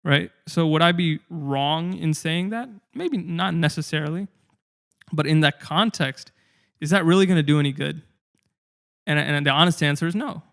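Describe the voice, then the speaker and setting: A man's voice: a little high, normal speed, creaky, fairly bright tone. A young man talking earnestly and reflectively in a casual discussion, with frequent fillers and restarts.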